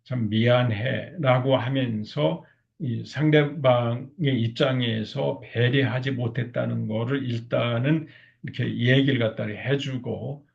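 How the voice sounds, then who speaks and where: A man's voice: medium pitch, fairly even intonation, measured pace, creaky, dull audio. A man lecturing on couples communication, often acting out spouses' lines and filling his talk with small fillers. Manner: acts out spouses' lines in quotes; frequent filler words.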